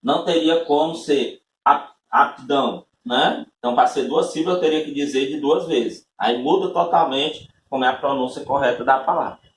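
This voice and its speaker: This man's voice is on the high side, and he teaches at a moderate pace, explaining patiently step by step and often adding tag questions to check on his listeners. It is a recorded classroom-style lesson, with his voice off-mic and distant in an echoey room with slight background noise.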